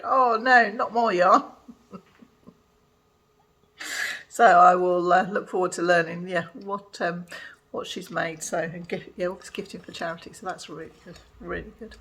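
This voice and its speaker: A woman's voice: mid-range voice, sharp tone, slightly rough. An older woman chatting casually in a home crafting vlog, rambling with many fillers. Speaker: vlogger. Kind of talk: casual chat.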